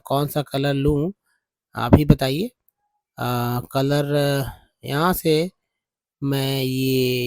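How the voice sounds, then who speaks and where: Slow man teaching English. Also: on the high side, no room sound. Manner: slow, explanatory, repeats words for pronunciation drills. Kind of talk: whiteboard English lesson.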